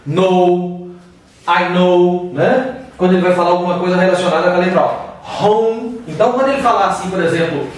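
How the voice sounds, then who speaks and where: Slowly and casually, a high-voiced Brazilian teacher walks through English pronunciation, pausing to demonstrate each sound. His voice comes across distant, wrapped in strong room echo.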